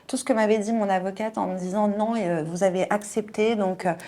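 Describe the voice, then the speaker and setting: A woman in her forties giving a personal testimony in an interview, halting and emotional, often repeating words and filling pauses. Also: mid-range voice, steady tone, dark tone. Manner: emotional, earnest.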